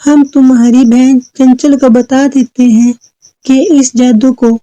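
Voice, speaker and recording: A woman voicing a kind female fairy who calmly explains a tale of magic in a children's story. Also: high-pitched, takes it slowly, dry recording, voice pushed up, poor audio. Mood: explaining. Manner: soothing, explanatory.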